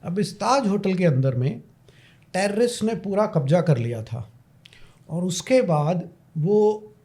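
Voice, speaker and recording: A man tells a story on a podcast, dramatic and full of emphatic repeats. His voice sits high but sounds mellow and soft at the edges. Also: lively intonation, slow pace, breathy edge. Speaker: podcast guest, parenting coach.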